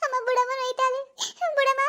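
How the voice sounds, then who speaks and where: Cartoon daughter, young village girl, played by a woman, whiny and very high, quick pleading. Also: fairly even intonation, faint music behind. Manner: pleading, whining.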